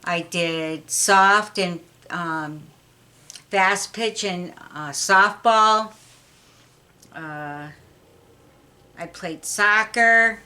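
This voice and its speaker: Middle-aged mother, interview guest, slow and deliberate, bright tense tone, matter-of-fact. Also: mid-range voice. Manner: unhurried, plain, matter-of-fact answers. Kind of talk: casual family interview.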